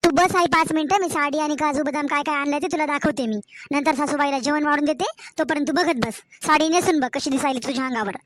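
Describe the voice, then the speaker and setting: A woman's voice: sits high, dry recording, natural voice. A woman voicing a scheming, sweet-talking young married daughter in a cartoon story, chatty and coaxing. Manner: chatty, coaxing, drawn-out village-style talk.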